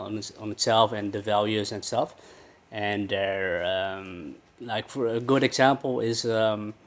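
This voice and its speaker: Hesitant man with a flat voice. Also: on the low side. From Netherlands. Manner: hesitant, many fillers, flat delivery. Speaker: guest, personal trainer. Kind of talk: casual interview.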